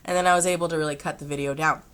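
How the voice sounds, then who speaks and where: A young woman with a sick, slightly rough voice, chatting casually to her channel with rambling asides and throat-clearing. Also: sits low, steady tone, rapid-fire, fairly bright tone. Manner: chatty, rambling, self-amused. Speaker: vlogger. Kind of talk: casual chat.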